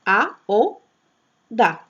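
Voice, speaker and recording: A woman's voice: fairly high pitch, big pitch swings, very slow, fairly bright tone, slightly rough. A woman teaching a grammar lesson, chatty and checking in with her students often, sometimes stumbling over and restarting words. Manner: chatty, checks in with tag questions. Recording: slightly dull lo-fi recording.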